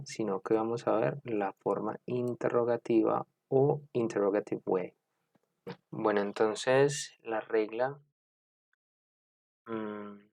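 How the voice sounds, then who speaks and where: Gravelly-voiced man teaching grammar. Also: fairly low pitch, darkish tone, no room sound. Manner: deliberate, repeats points and checks with "¿cierto?"; frequent fillers and self-corrections. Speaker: English teacher. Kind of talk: explanatory grammar lesson.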